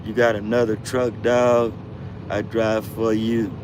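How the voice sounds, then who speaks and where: A man's voice: on the low side, level tone, a little slow, background noise. A man in his fifties, a truck driver hosting a casual livestream, answering viewer comments and calling them bro and fam. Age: 50s. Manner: laid-back slang-heavy talk, calls viewers bro and fam.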